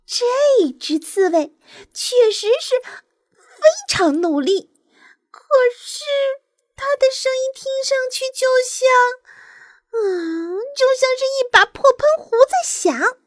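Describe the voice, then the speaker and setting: A kindly nightingale teacher speaks in a high, fluttery voice, hesitant and polite, as a woman acts it out. It sounds like a gentle character in a children's bedtime story. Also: expressive, takes it slowly, dry recording, clean studio sound. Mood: exasperated.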